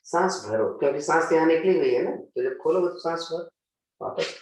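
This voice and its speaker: A man's voice: fairly high pitch, animated, fairly quick, darkish tone. A man teaching a yoga class, talking students through each pose step by step. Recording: very echoey room, mic at a distance.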